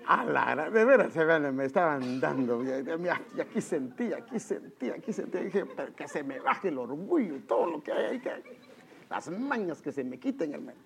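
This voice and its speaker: Speaking at a moderate pace with a somewhat high voice and vocal fry, a man delivers a sermon full of stories. He's animated and keeps addressing his listeners as brother.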